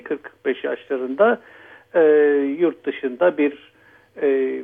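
Man on a tinny phone line. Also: medium pitch. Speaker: phone-in guest commentator. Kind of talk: political commentary by phone.

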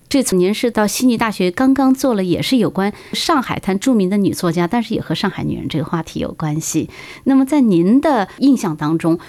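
Woman radio host, voice moves around a lot, asks guiding questions. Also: mid-range voice. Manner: warm, prompting questions, guiding the guest. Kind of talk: radio interview.

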